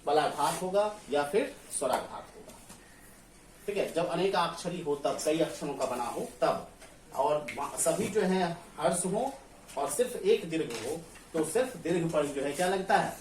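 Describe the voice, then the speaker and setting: Echoey teacher, far from the mic. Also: male voice, on the high side, lively intonation, a little slow, slight background noise. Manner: asks the class questions and answers them himself, often checks "clear?". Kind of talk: classroom grammar lesson. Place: classroom. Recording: echoey room, far from the mic, faint ambience.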